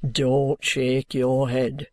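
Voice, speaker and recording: A woman's voice: extremely low pitch, flat delivery, extremely slow, darkish tone, dry recording, voice pushed down, exaggerated voice. A woman voicing a bluff, good-humoured male police inspector in an audiobook, cajoling heartily in colloquial speech. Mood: hearty coaxing. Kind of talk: audiobook character acting.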